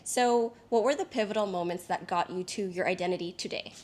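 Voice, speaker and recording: A woman's voice: on the low side, brisk, darkish tone. A woman hosting a podcast, introducing a guest and asking questions in an upbeat, chatty way. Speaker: podcast host. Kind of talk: casual interview chat.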